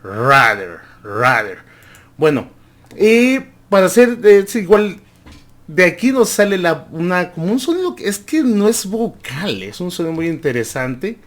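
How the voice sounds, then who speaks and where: A man teaching a pronunciation lesson, speaking at an unhurried pace. His voice is bright and clear. He drills each word over and over and growls long R sounds to demonstrate. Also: sits high, big pitch swings. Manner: drills words slowly, repeating each several times. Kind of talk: language lesson.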